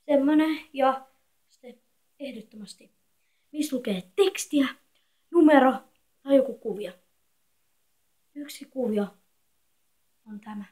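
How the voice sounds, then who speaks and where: A thirteen-year-old girl with a high voice, talking in a soft, hushed way and rambling on in a casual home vlog. She is filmed on a phone in a bedroom with some echo. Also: long pauses. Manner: quiet, soft-spoken, rambling and chatty. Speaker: vlogger. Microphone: phone camera.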